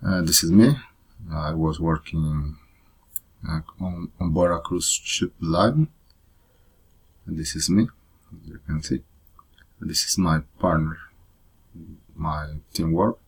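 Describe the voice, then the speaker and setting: A man presents his own life story in halting, hesitant English. His voice sits very low and sounds slightly husky. He talks slowly, stopping often to search for words. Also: steady tone. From Costa Rica. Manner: hesitant, frequent pauses and uh fillers, learner's English. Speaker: presenter of a personal photo story.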